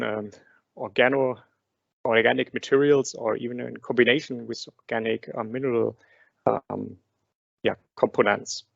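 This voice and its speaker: Gravelly man on a dry group call. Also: mid-range voice, no room sound. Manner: hesitant, many "um, yeah" fillers. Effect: group video call audio. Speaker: industry panelist. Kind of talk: answering on a group video call. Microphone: computer mic on a video call. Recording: dry, dull call audio.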